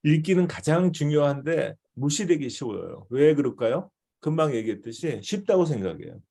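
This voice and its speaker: A man's voice: a little high, big pitch swings, normal speed, gravelly, warm tone. A male missionary teaching a devotional seminar in a conversational way, often checking in with his listeners.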